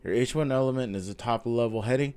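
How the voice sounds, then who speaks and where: Speaking fast at a medium pitch, a man with a dark, clean tone reads a coding course aloud while stuffed up from a cold. He's a self-taught coding vlogger, following along casually and thinking aloud, full of ums and self-corrections.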